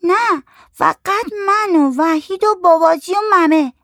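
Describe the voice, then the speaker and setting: Little girl voice, very high, slow and asking, dry close storybook audio. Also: a bit bright, no room sound. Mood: curious. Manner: slow, high childlike questions. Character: small curious little girl.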